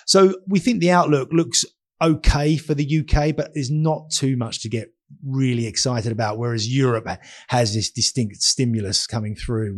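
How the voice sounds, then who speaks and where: A man with a husky voice, speaking as a guest fund manager in conversational market commentary, explaining his views with careful caveats. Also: medium pitch.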